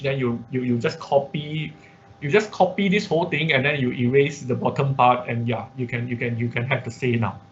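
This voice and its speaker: With a medium-pitched voice and a little background noise, a man teaches an informal screen-share tutorial for an online class. He breaks things down step by step, regularly tagging lines with "okay" or "right," and the audio is dull and lo-fi.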